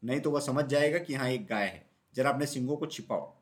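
Storybook crow, male, fussy and loud, played by the reader, nervous and bossy. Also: medium pitch, a little fast, lightly acted. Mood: agitated. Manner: loud, shouting and scolding.

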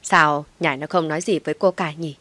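A woman's voice: low voice, fairly even intonation, brisk, pushed and bright, dry recording. A woman voicing a scolding middle-aged aunt. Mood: puzzled. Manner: harsh, scolding.

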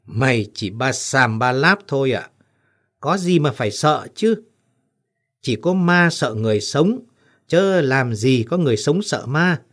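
A man's voice: mid-range voice, expressive, unhurried, a bit bright. A man doing a boastful fearless woodcutter.

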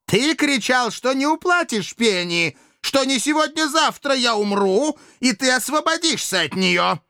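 A raging, screaming old Roman tyrant. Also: male voice, extremely high pitch, expressive, a little slow, sharp tone, dry recording, studio quality, pitched above the performer's own voice, full character voice. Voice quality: hoarse, frenzied screaming. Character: raging dying old male Roman dictator.

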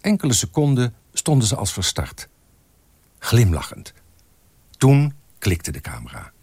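Man reading a novel aloud with lively pitch. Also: a little slow, slightly rough, dry recording.

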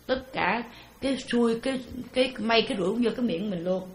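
Woman dharma teacher, a fairly high voice, a conversational talk full of rhetorical questions, heard in a roomy space. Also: fairly quick. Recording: roomy echo.

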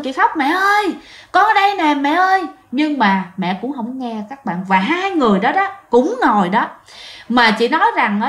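A woman tells a ghost story in a chatty, casual way, speaking straight to her listeners. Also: fairly high pitch. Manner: chatty, addresses listeners directly, frequent drawn-out particles. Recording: roomy echo.

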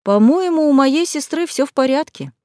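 A man's voice: very high voice, animated, moderate pace, darkish tone, no echo, clean studio sound, voice pushed up. Woman reading as an offhand lounging young man.

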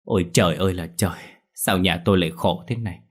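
A man's voice: low-pitched, fast talker, breathy edge. A man voicing a grieving old grandmother in an audio ghost story, wailing and pleading.

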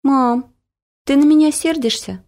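A woman's voice: high-pitched, a little slow, a little mellow, voice pushed up. A woman voicing an upset, stubborn little girl who pleads and protests in a storybook reading. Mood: earnest.

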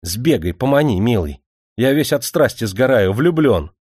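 A man's voice: medium pitch, big pitch swings, normal speed, a little mellow, no echo, clean studio sound, voice pushed up. A man voicing an impatient, lovesick young landowner who keeps exclaiming. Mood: excited. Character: boisterous young male landowner, lovesick and spoiled. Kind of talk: audiobook character voice.

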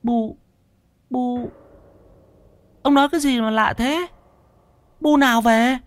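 A man voicing a frightened middle-aged village wife, high and quick in a fussing way. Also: no echo. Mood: alarmed.

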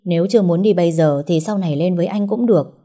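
Woman doing a gentle coaxing young man. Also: on the low side, fast talker, lightly acted. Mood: tender. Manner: soft, coaxing.

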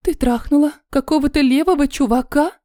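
A woman's voice: high-pitched, a little fast, mellow, dry recording, studio quality, pitched above the performer's own voice, lightly acted. A woman voicing a brash, bossy girlfriend. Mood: nosy. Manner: bossy and crude. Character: brash, blunt young woman friend. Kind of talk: audiobook character voice.

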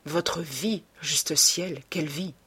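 A woman reading an audiobook voices a grim, bitter, reluctant man in a low, clipped way. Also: slow pace, a bit bright, breathy edge, exaggerated voice.

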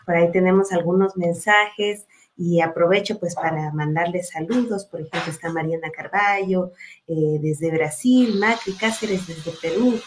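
A woman with a lowish voice moderates an online meeting over a video call, speaking at a normal speed with a little hiss or hum in the background. She welcomes the audience and reads out introductions for the virtual panel, keeping things friendly and dotted with small fillers.

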